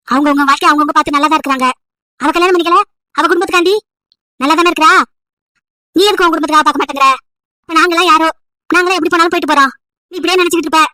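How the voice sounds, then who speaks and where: A woman's voice: very high voice, pushed and bright, dry recording, clean studio sound. A woman voicing a nagging, emotional old village grandmother over 70 who scolds and pleads at length. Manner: scolding, pleading, wailing complaints.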